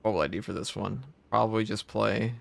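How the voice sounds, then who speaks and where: A man's voice: on the low side, fairly quick, creaky. Laid-back man streaming a game. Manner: relaxed, rambling, many "like" fillers. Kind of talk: casual livestream commentary answering chat. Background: game music and sound effects.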